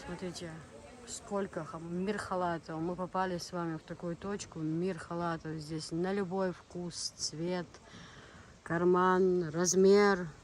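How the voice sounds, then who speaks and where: A woman's voice: on the low side, flat delivery, measured pace. A chatty woman vlogger talking casually as she shops and shows goods, often repeating herself. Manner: chatty, repetitive. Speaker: shopping vlogger. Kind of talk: casual shopping chat and showcase. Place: market shops. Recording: faint shop background noise. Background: faint ambient noise.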